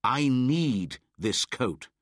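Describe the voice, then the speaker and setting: Brief: brave wild boy played by a male narrator, strained high voice, proud and commanding. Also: sing-song, slow, husky, dry recording, studio quality, exaggerated voice. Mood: firm. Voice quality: raised, ringing shouts. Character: bold young jungle boy, fierce, triumphant. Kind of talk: audiobook character voice.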